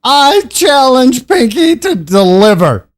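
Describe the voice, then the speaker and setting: An older man hosting a gaming livestream, joking with his viewers and dissolving into laughter between lines. His pitch jumps around a lot as he talks, yet he speaks at an unhurried, slow pace. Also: very animated. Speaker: gaming streamer. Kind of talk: casual livestream chat with viewers.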